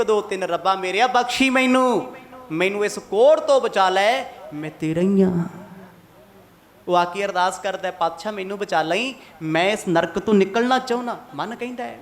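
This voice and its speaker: A high-pitched man preaching a Sikh katha sermon to a congregation. He is from Mohali in Punjab. He keeps putting pointed questions to his listeners and slips into the voices of the people he quotes. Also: moderate pace, fairly bright tone. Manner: asks the congregation rhetorical questions and acts out quoted speech.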